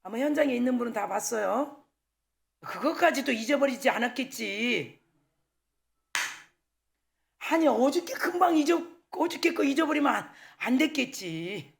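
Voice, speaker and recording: A woman pastor preaching a sermon at a church service, telling candid personal stories in a lively way and acting out the dialogue. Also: fairly high pitch, moderate pace, gravelly, pauses often. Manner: candid, animated storytelling with acted-out dialogue.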